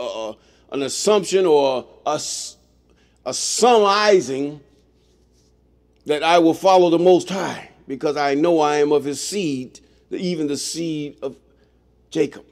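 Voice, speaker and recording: A man's voice: fairly high pitch, darkish tone. Man reading scripture with blunt asides. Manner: reads slowly, breaks in with blunt asides. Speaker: scripture reader and commentator. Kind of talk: reading scripture aloud with commentary.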